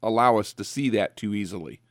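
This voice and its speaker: A man's voice: on the low side, a little fast, no echo, studio quality. A man earnestly explaining theology on a talk show, repeating phrases for emphasis. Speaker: guest Bible teacher.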